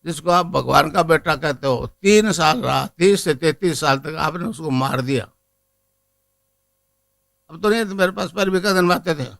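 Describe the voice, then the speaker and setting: A man's voice: a little high, normal speed, creaky, a bit bright. An older man, a guru, giving a rambling spiritual discourse to a gathering and chanting a mantra. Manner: digressive, teaching, chants a mantra.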